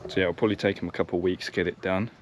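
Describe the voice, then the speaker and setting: A young man with a low, fairly monotone voice talks quickly, like a vlogger giving plain, casual commentary while he works on bikes in a car, sheds and a yard. There's a faint hiss or hum in the recording.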